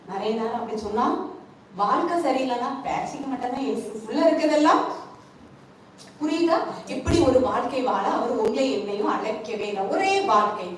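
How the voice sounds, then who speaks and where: A woman's voice: fairly high pitch, expressive, moderate pace. A woman pastor from India preaching a sermon, quizzing her congregation with questions and asking them to answer aloud. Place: church hall, indoors. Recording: echoey hall from far off, faint noise.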